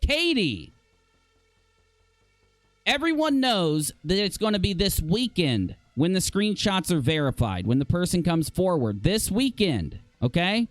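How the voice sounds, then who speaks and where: A man hosting a live stream, talking in a heated, exasperated rant with a lively pitch that jumps up when he gets worked up. His voice sits a little high for a man. The sound is dry and close, with no room echo. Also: measured pace. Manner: exasperated, heated ranting while reading posts aloud. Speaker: livestream host.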